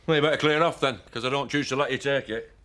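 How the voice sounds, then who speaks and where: A man's voice: fairly even intonation, quick pace, sharp tone, a little hiss or hum, close to an everyday voice. An actor playing a menacing, possessive man in a television soap drama, threatening and contemptuous. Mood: hostile. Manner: threatening, contemptuous, growling low at times. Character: menacing, possessive man defending his farmhouse.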